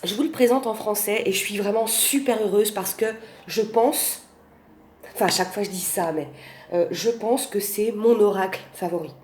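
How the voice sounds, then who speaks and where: A woman's voice: mid-range voice, normal speed, darkish tone. A woman with a Portuguese accent speaking French, gushing over oracle cards in a casual vlog, full of fillers and restarts. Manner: effusive, many fillers and restarts. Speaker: oracle card reviewer. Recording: roomy home recording with faint background noise.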